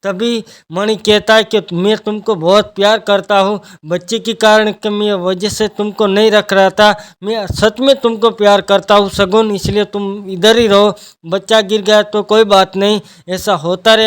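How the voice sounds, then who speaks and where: A man's voice: sits high, fairly bright tone, smooth. A man casually retelling a TV serial's plot, rambling along and chaining events one after another. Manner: rambling, strings events together with "then". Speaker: TV serial recap narrator. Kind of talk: casual spoken plot recap.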